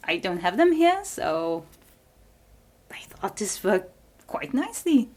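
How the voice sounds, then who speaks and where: This young Dutch-speaking woman from Belgium chats her way through a casual tour of her small apartment, holding the camera as she moves from room to room. Her mid-range voice is sing-song and a little mellow, she takes her time, and she sometimes giggles or whispers.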